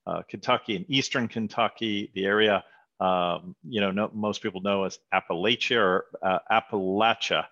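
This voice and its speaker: A man hosts a conversational interview, friendly and prone to correcting himself as he puts his questions. His voice is fairly low and fairly bright, with a steady tone, some vocal fry, and a moderate pace. The audio is dull and lo-fi.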